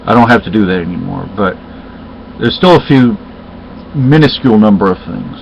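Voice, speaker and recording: A rambling middle-aged Spanish man, whose first language is Spanish, tells stories in casual conversation, halting and restarting often. His voice is on the low side with lively intonation and vocal fry. The lo-fi recording sounds dull, with slight background noise.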